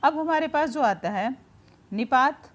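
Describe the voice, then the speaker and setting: A woman with a fairly high voice teaches a grammar lesson in a relaxed, informal way. She explains patiently, gives many everyday example sentences, and keeps checking in with her students. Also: a little slow.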